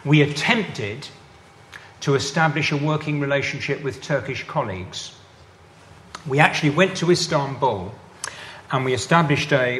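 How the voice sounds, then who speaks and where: After a lecture, a man fields audience questions, thoughtful and hesitant, frequently repeating words while he searches for the right ones. His medium-pitched voice is a bit bright, and there's a little hiss or hum in the audio.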